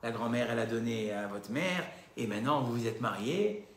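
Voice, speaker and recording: A man giving a religious lesson, talking straight to his listeners with lively rhetorical questions. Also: mid-range voice, normal speed, echoey room, a little hiss or hum. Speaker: religious teacher. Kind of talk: recorded Torah class lecture.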